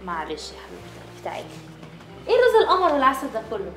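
A woman's voice: a little high, wildly swooping pitch, rapid-fire, a bit bright, faint music behind, exaggerated voice. A woman playing a tender, coaxing mother. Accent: Egyptian. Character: affectionate mother, adult woman. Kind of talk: family skit acting. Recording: echoey room.

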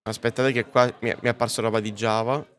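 A male streamer talks casually and directly to his viewers, his voice sitting at an ordinary middle pitch. He speaks into a podcast-style microphone at a convention booth. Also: level tone, fast, a bit bright. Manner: chatty, addresses viewers directly. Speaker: livestreamer. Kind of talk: casual live-stream chat.

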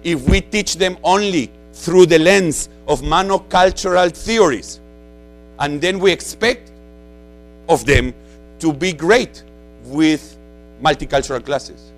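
A man's voice: fairly high pitch, slow, soft background music, rough recording. A man from Peru with a Spanish accent giving a conversational conference lecture, full of "you know" and repeated words.

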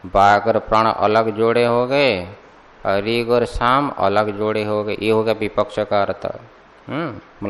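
A man teaching a Sanskrit scripture class, explaining slowly and deliberately and putting questions to his students. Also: on the low side. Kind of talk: classroom commentary lecture. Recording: long hall reverb.

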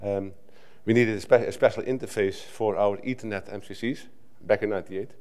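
A man's voice: lowish voice, fairly even intonation, fairly quick, a little mellow. A middle-aged man from the Netherlands, a native Dutch speaker, giving a conversational conference talk at a lectern, with frequent restarts. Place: conference hall stage at a lectern. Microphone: lectern microphone.

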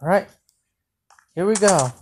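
In a noisy phone recording of gameplay with audible clicks, a woman with a medium-pitched, expressive voice improvises a Minecraft roleplay as she plays. She speaks a little slowly, often hesitating and repeating words.

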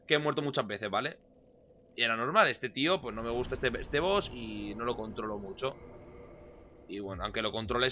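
A young man from giving casual let's-play commentary, excitable and swinging between loud outbursts and muttering. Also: mid-range voice, muffled recording, a little hiss or hum. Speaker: gameplay commentator.

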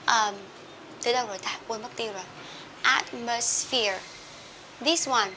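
A young Vietnamese woman teaching English pronunciation, saying each word slowly twice and then explaining. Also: on the high side, pushed and bright, slight background noise. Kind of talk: pronunciation drill lesson.

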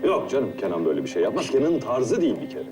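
An actor playing a calm, reassuring man who talks a frightened woman down with steady reasoning. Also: medium pitch, fast talker, distant mic, over music, natural voice. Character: calm, reassuring senior man like an older brother. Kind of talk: TV series acting.

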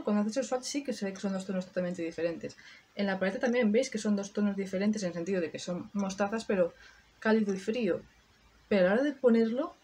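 This woman, a beauty vlogger, has a medium-pitched voice with a dark tone, and there's a slight hiss or hum underneath. She's doing casual makeup tutorial chat, musing aloud as she goes.

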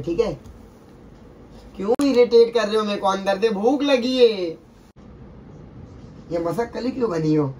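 A man's voice: a little high, a little mellow, far from the mic, slight background noise, low-quality recording. A young man nagging his girlfriend in a casual vlog, pleading and making playful mock threats. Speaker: vlogger pranked by girlfriend. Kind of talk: casual couple vlog banter.

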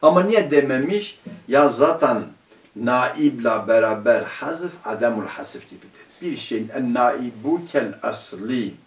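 A man's voice: medium pitch, animated. Distant man teaching in an echoing room. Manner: asks the class questions and answers them himself; slowly spells out quoted classical phrases. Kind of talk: grammar lesson. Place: classroom. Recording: roomy, distant room mic.

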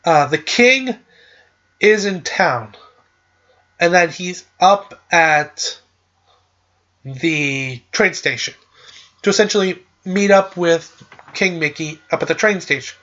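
A man's voice: high voice, lively intonation, slow pace, long pauses, sharp tone, highs cut off. A man hosting a podcast, casually recapping a video game plot in a rambling, filler-heavy way.

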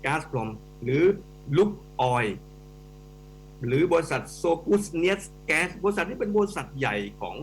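Middle-aged male economics guest, animated and emphatic, slightly high voice, radio studio with faint hum. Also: slow. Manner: animated, emphatic explainer who addresses hosts directly. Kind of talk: radio talk show commentary.

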